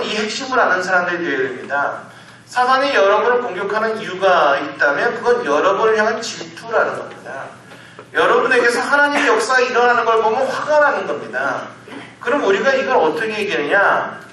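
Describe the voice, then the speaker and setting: A man's voice: high voice, pushed and bright, slight background noise. A male senior pastor preaching a Sunday sermon in a church sanctuary, asking his listeners question after question. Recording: echoey church hall, mic at a distance.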